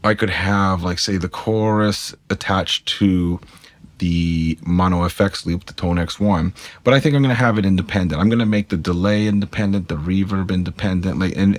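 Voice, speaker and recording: Brief: man, deep voice, dry close mic, casual gear tutorial, rambling and friendly to viewers. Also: moderate pace, no room sound. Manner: chatty, self-correcting, addresses viewers directly. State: talking with a pick in his mouth. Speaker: guitar gear tutorial maker. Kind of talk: casual screen-capture tutorial.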